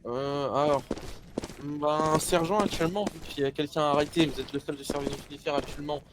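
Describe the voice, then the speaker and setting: Hesitant man with slightly high voice, noisy chat. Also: fairly even intonation, brisk. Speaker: player role-playing a lieutenant. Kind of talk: improvised online game role-play.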